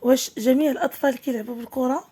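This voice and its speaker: A woman teacher with a Moroccan accent leads a children's reading lesson. Her voice sits a little high and sounds warm and mellow. She reads each line slowly and clearly, then explains it quickly. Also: steady tone. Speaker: primary school French teacher.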